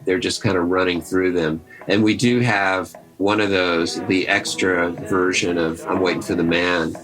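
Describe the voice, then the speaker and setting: Male podcast host, relaxed conversational storyteller, slightly low voice, soft music bed. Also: measured pace, poor audio. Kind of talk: casual storytelling commentary.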